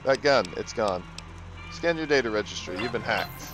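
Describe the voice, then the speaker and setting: A man's voice: medium pitch, lively intonation, moderate pace. A man doing let's play commentary, joking and teasing the game's characters and talking over them. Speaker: gaming video host. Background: game music.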